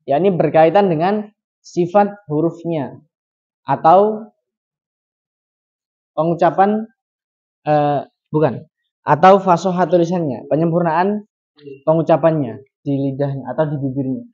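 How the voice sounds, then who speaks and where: A man with a Javanese Indonesian accent teaching Quran recitation, slowly demonstrating each syllable by repeating it. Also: a little high, warm tone, dull audio. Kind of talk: tajwid class instruction. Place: community study gathering in a room.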